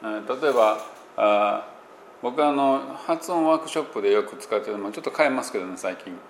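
A man's voice: on the low side, fairly quick. A man with a Kansai Japanese accent, teaching English pronunciation in a casual spoken explanation and working through examples with many fillers. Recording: echoey room with faint background noise.

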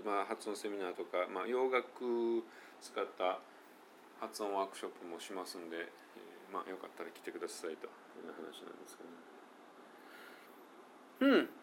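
A middle-aged man with a Kansai accent giving a relaxed spoken English pronunciation lesson, thinking aloud with fillers and slowly demonstrating English phrases. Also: deep voice, gravelly, slight background noise.

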